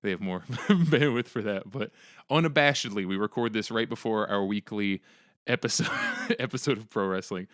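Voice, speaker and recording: A man's voice: normal speed, dry recording, studio quality. A man hosting a podcast, telling a story in casual chat and acting out the people in it with a raised voice. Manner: animated, acts out quotes in a raised pitch. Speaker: podcast host.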